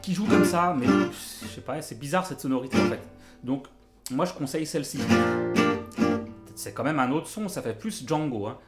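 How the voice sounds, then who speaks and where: A man's voice: a little high, animated, normal speed, reverberant. A man giving a casual guitar tutorial to camera, joking and self-deprecating, his mouth numb from dental anaesthetic. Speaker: jazz guitar coach and video teacher.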